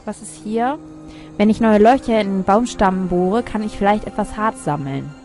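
A woman's voice: mid-range voice, moderate pace, a little mellow, soft background music. A woman giving casual gameplay commentary as a let's player, reading game text aloud with chatty, muttered asides.

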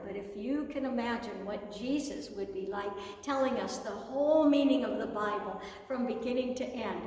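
A woman giving a lively chapel message to students and telling the story with acted voices. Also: a little high. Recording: echoey hall, mic far off.

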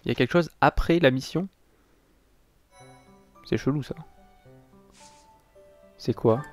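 A man chatting casually over his own gameplay in a mid-pitched voice, muttering and correcting himself along the way. Faint game music plays underneath. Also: takes it slowly. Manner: chatty, self-correcting, mutters while playing. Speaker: gaming video host.

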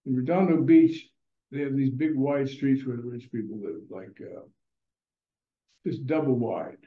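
A man's voice: medium pitch, unhurried. An older man telling casual, rambling stories in a blunt, profane way. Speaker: storyteller. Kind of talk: casual storytelling monologue. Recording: echoey room, slightly dull sound, faint music.

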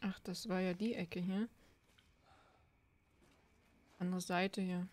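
A woman's voice: on the low side, steady tone, normal speed, a little mellow. A young woman commenting playfully while playing a video game, reading game text aloud. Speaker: gaming streamer. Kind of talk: let's play commentary.

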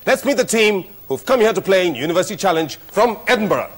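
A middle-aged man hosting a TV quiz show, speaking in a formal, measured way with clear diction. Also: high voice, lively intonation, a bit bright. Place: TV studio set. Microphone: lapel mic.

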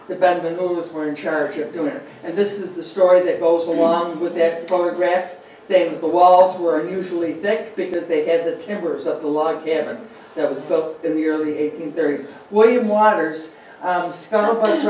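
Low-leaning and a little mellow, a woman's voice guides a casual local history slide talk peppered with fillers and asides. Captured by a far room mic in a projector meeting room, the sound is very echoey, with slight background noise.

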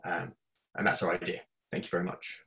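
A man presenting a student campaign pitch from home on a video call, upbeat and keen with frequent fillers. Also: monotone, fairly quick, vocal fry, sharp tone.

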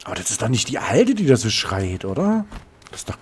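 A man's voice: fairly low pitch, wildly swooping pitch, fairly quick, slight background noise. A man commenting on his gameplay, exasperated and swearing, talking to his viewers. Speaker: let's play host.

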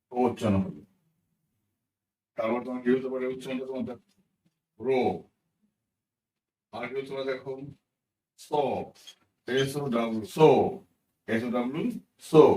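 A man's voice: mid-range voice, darkish tone, echoey room, distant mic, rough recording. A man teaching English pronunciation, who spells words out letter by letter and keeps checking with "right?". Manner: repeats words slowly, asks "right?" often. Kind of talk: explaining a lesson, spelling out words.

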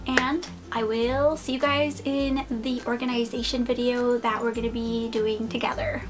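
High-voiced gushing woman vlogger. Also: little pitch movement, faint music behind. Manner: gushing, chatty, fast-talking. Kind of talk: casual haul video talk. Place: home room.

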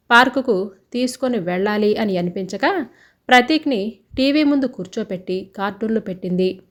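A woman narrates a story aloud at an ordinary middle pitch. Her reading is steady and even, and she lifts her voice a little only when quoted speech comes up.

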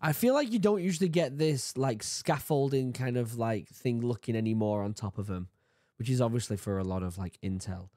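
A man in his thirties with a sore throat reacts to a video at home, bookshelves around him, speaking casually in a mellow, medium-pitched voice that's a little fast with lively intonation. Chatty and joking, he laughs at himself. The recording, via boom-arm studio mic and headphones, is dry and clean studio sound.

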